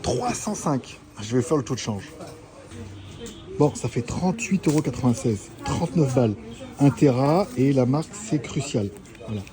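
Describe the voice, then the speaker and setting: A man's voice: mid-range voice, lively intonation, moderate pace, crowd noise. A man vlogging casually while walking through an electronics market, rambling, laughing often and swearing. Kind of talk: casual walk-and-talk vlog. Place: busy electronics market, indoors. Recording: noisy market ambience.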